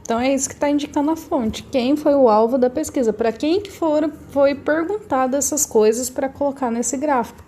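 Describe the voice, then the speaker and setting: Brazilian woman teacher, slightly high mellow voice, talks through each answer patiently for a recorded lesson. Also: a little fast, hardly any pauses. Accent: Brazilian Portuguese. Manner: patient, explains step by step with rhetorical questions. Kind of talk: recorded lesson correcting homework.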